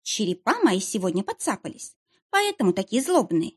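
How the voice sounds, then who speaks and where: A woman's voice: mid-range voice, big pitch swings, normal speed, husky. A woman reading an audiobook, voicing a cheeky fifteen-year-old girl who talks in a brash, sing-song way.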